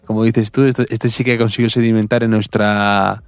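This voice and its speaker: A man's voice: fairly low pitch, flat delivery, moderate pace, no room sound, soft background music. A man co-hosting a casual football podcast, making wry, dry jokes and stammering into restarts. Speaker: podcast co-host. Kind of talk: casual chat about football.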